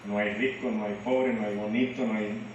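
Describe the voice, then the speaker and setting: A man from Venezuela speaks fervently to a church congregation at an everyday male pitch. His voice rings through a very echoey hall from a mic set well away from him, with faint background noise. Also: fairly even intonation, normal speed, distant mic, lo-fi sound. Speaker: church leader. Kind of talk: sermon.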